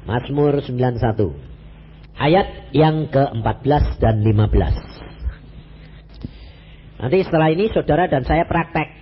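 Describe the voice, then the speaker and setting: A man's voice: medium pitch, unhurried, pauses often, muffled recording, slight background noise. A man with a Javanese-inflected Indonesian accent preaching a sermon as an evangelist, questioning the congregation and slipping in Javanese phrases.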